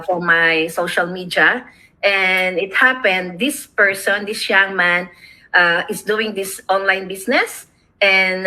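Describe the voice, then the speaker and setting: Woman, middle-aged, from the Philippines, rambling casual chat, video call, crisp bright tone. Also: mid-range voice, poor audio. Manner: chatty, rambling, laughs often. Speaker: host.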